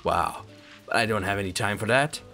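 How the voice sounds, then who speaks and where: A man giving excitable let's play commentary, swearing often and talking to himself and the game as he plays. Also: lowish voice, brisk, creaky. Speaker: gaming channel host. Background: game music.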